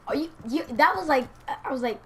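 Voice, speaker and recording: Teenage vlogger, higher pitch, animated storytelling, clear background noise. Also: female voice, brisk. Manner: animated, acts out quotes. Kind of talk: casual storytelling.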